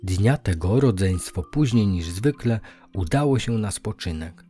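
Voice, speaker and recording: A man narrating a fairy tale from a script, in a calm and measured storytelling manner. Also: on the low side, soft background music.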